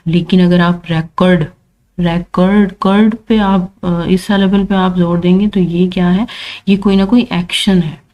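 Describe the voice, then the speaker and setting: A woman's voice: lowish voice, steady tone, unhurried, highs cut off. A woman teaching English pronunciation rules, patiently repeating points and checking in with learners. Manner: patient, repeats points with frequent "thik hai" check-ins.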